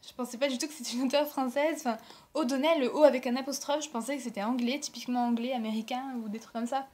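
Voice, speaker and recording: Talking fast with fairly even intonation, this young book blogger from France rambles through a casual book haul vlog about titles she was sent and ones she bought. Her high-sitting voice has a darkish tone, and she uses many fillers and corrects herself often.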